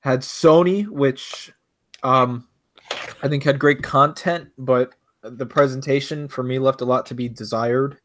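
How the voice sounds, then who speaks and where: A man co-hosting a gaming podcast in casual chat, talking excitedly and restarting his sentences when hyped. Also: mid-range voice, a little slow. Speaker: podcast co-host.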